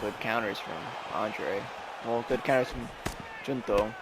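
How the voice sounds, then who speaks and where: A man's voice: on the low side, fairly even intonation, unhurried, very noisy. A man giving sports commentary, introducing fighters and calling the action.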